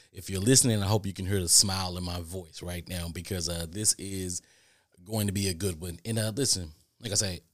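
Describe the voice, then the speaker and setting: Male podcast host, low-ish voice, close and dry, emphatic chatty delivery. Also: fairly bright tone, dry recording. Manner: repeats "listen" often, chatty and emphatic. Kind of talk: casual podcast monologue.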